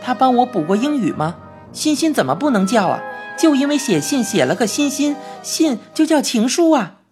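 A woman voicing a frank, lively boy who has turned into a mouse, in a Beijing-tinged storybook reading, chatty and quick to complain. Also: on the high side, over music, pitched above the performer's own voice. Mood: indignant. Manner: indignant, chatty, rapid complaints. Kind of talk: storybook narration.

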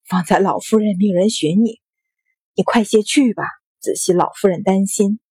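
A woman's voice: mid-range voice, moderate pace, warm tone, slightly rough, no echo. A woman doing a coaxing old maidservant. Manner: coaxing and pleading. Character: older female household servant, soothing peacemaker.

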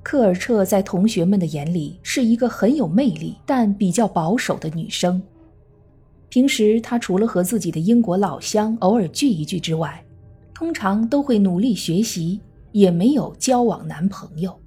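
A woman true crime narrator reading a scripted case story in a measured storytelling manner. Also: mid-range voice, animated, mellow, husky. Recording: faint music under the voice. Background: faint background music.

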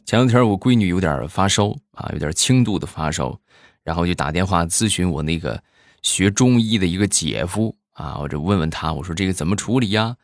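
A man telling comic stories in a lively way, acting out the characters' voices. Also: deep voice, brisk, no room sound, studio quality. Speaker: comedian. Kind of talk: stand-up joke telling.

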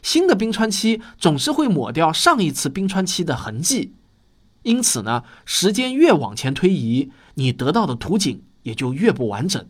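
Male nature documentary narrator for a science series: slightly high pitch, highly varied melody, explanatory storytelling read. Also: big pitch swings, moderate pace, slightly rough. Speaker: host of a popular science audio series.

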